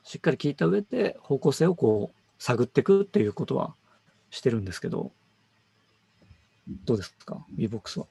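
Male designer, casual conversational read, husky gravel, animated intonation. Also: medium pitch, fairly quick, pauses often, dry recording. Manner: relaxed, thinks aloud with fillers and self-corrections.

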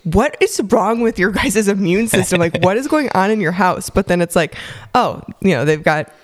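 A woman's voice: mid-range voice, lively intonation, normal speed, dry recording, clean studio sound. A young woman co-hosting a podcast in casual chat, a little congested from a cold, talking freely with lots of fillers and laughter. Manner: chatty, laughs often, many fillers. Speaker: podcast co-host.

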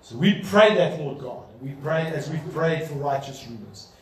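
A man with a high voice preaches a sermon, pressing his points with emphatic rhetorical questions. He is picked up from some distance, and the church hall around him rings with echo. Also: lively intonation, moderate pace, a little hiss or hum. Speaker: pastor. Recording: echoey room, voice from a distance.

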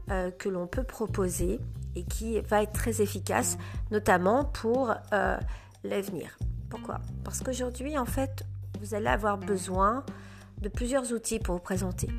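A woman podcast host giving advice informally and haltingly, with a honking, duck-like nasal voice stuffed up by a cold. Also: mid-range voice. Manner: halting, searching for words.

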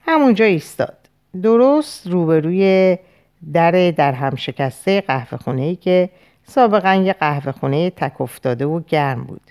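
A woman narrating a dark novel as an audiobook, slow and grave, with weighty pauses. Her voice sits low but moves widely and expressively between lines. The reading is deliberate and dramatic. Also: clear, resonant tone.

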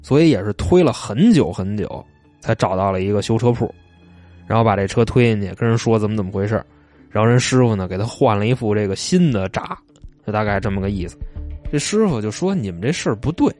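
A man's voice: fairly low pitch, expressive, brisk, a little mellow, faint music behind. Chatty man telling stories. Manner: chatty, retells stories with loose asides. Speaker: storyteller. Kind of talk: casual storytelling chat.

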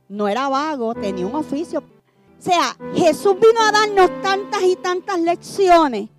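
A woman preacher giving a sermon in a church, driving her points home with repeated refrains and swinging between loud declarations and hushed lines. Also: very high-pitched.

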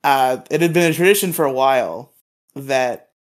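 A male podcast co-host in casual conversation, rambling through his stories. He stammers and restarts his sentences as he goes, at an ordinary middle pitch. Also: normal speed. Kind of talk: casual chat.

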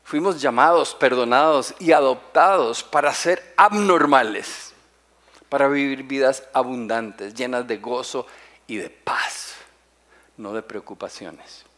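A man preaching a sermon, emphatic, slowing down and repeating key phrases and asking the congregation rhetorical questions. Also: medium pitch, fairly bright tone. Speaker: pastor.

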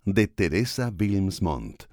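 A man slowly and emphatically announcing an audiobook's title. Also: low voice, expressive, a little mellow, no room sound, studio quality.

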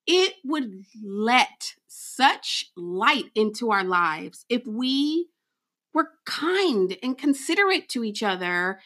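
A young woman with a high, bright voice hosts a casual chat. She is animated, swings her pitch widely and laughs often. She keeps calling her listeners girl and honey. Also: slow pace. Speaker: podcast co-host.

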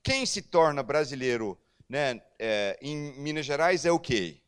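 A man's voice: medium pitch, measured pace, clean tone. A man preaching as pastor, telling a personal story and acting out the dialogue. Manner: animated, acts out dialogue. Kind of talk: storytelling sermon.

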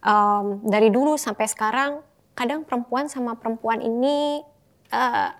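A woman with a fairly high voice hosts a casual podcast interview. She asks friendly, rambling questions and fills the gaps with little hums of agreement. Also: unhurried. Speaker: podcast host.

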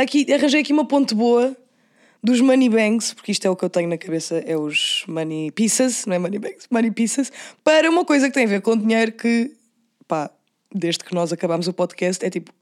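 A woman's voice: mid-range voice, darkish tone. A young woman with a European Portuguese accent chatting casually as a podcast co-host, slangy and switching into English phrases. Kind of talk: casual chat.

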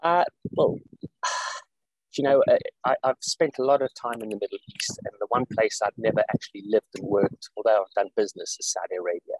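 A man from South Africa, an executive director, explains his work in an interview over a video call, talking in a measured way with many fillers and restarts. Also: on the low side, no echo, low-quality recording. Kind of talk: interview conversation. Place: Saudi Arabia, remote call.

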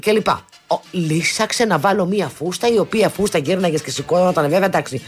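A woman's voice: fairly low pitch, soft background music. A woman in her fifties co-hosting a show, telling long stories in casual chat with many restarts and asides. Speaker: radio show co-host.

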